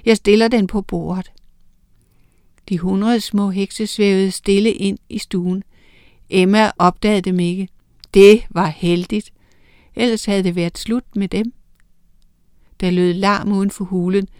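A woman reading a children's story aloud in a steady, expressive way. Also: medium pitch, clean tone, no room sound, clean studio sound. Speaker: narrator.

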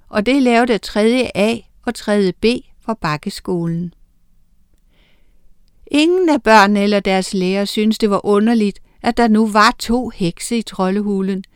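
Woman, children's story reading, steady, expressive, resonant, dry. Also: medium pitch, clear, resonant tone, no echo. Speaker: narrator. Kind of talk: storybook read-aloud.

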